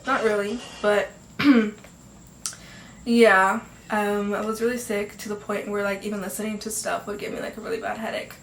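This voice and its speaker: In an echoey home room with faint ambience and a little hiss or hum, a teenage podcast host chats casually, upbeat and full of fillers and laughs. Congestion makes her a bit nasal; her medium-pitched voice is steady, moderately paced, and fairly bright.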